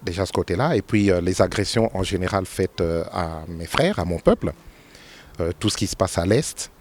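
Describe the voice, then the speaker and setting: Deep-voiced Congolese man, hesitant. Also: expressive, normal speed, darkish tone. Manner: hesitant, many fillers, emphatic rises. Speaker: interview guest, politician. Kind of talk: interview answers.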